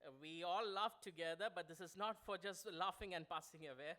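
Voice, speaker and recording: A man with a Malayalam accent interpreting a sermon into English. He pauses a lot, says "uh" often and keeps adding "over there". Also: sits high, pushed and bright.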